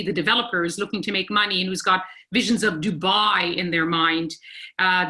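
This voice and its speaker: A woman chairing an online panel, introducing speakers in a measured, formal way. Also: lowish voice, sharp tone, rough recording. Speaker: event chair, moderator. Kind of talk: moderating a panel.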